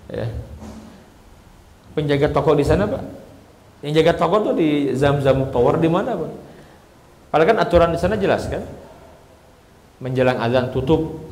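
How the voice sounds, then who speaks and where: A man preaching an Islamic sermon, telling stories in a lively way and speaking directly to the men in the congregation. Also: mid-range voice. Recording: echoey hall with long reverb.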